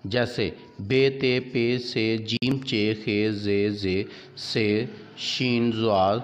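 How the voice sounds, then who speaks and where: A man with an Urdu accent teaching a grammar lesson, listing examples slowly one by one. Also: fairly low pitch, fairly even intonation. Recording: dull lo-fi audio with long reverb and faint background hiss.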